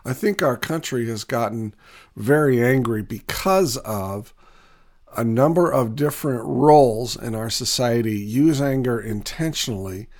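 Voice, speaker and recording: Recovering from a cold, a man with a hoarse, raspy voice of medium pitch and darkish tone speaks at a measured pace. He's giving a conversational video lesson on Bible passages for business owners, peppered with fillers and false starts.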